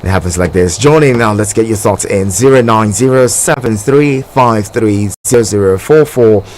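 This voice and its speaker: A man hosting a phone-in radio show, moving callers along briskly. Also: lowish voice, darkish tone, a little hiss or hum. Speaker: radio talk show host.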